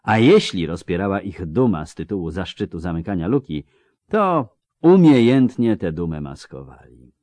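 A man narrates an audiobook in a calm, measured storytelling voice. His pitch moves a lot through each sentence. The recording is dry and close, with no room sound. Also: dry recording. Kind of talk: scripted narration.

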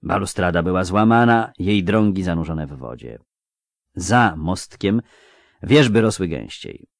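Low-voiced man reading an audiobook expressively. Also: dry recording, clean studio sound. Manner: expressive, measured. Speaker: narrator.

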